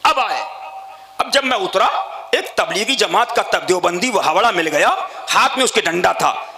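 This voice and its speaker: A man giving a sermon who shouts as he tells his stories, mimics the people he quotes, and calls on the audience to answer him. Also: sits high, lively intonation, normal speed, vocal fry. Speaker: preacher. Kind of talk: sermon at a religious gathering.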